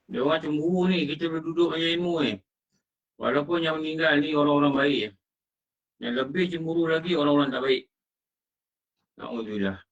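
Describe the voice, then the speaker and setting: This Islamic lecture comes from a Malaysian Malay-accented religious teacher whose fairly high voice moves fairly quickly, broken by frequent pauses. He quizzes the audience and performs quoted exchanges, and the mic sounds distant and muffled.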